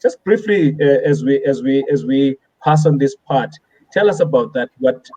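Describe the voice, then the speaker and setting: A man hosting a podcast, affirming what his guests say and gently guiding the conversation. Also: medium pitch, expressive, moderate pace, recorded from a distance, highs cut off. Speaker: podcast host. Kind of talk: interviewing.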